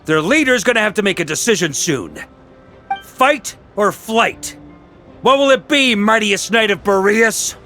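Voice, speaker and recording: Battle commander, swaggering, hearty, animated high male voice, loud music behind. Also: measured pace, heavily acted. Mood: confident, challenging. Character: bold, boisterous grand master battle leader. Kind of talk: dramatic game acting.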